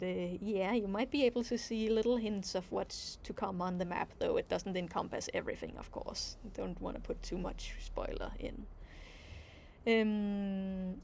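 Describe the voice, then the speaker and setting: With vocal fry and a darkish tone at medium pitch, a woman from Denmark with a Danish accent speaks a little slowly as she hosts a casual livestream Q&A as an animation creator. She reads viewer questions aloud, then answers thoughtfully with many fillers, over slight background noise.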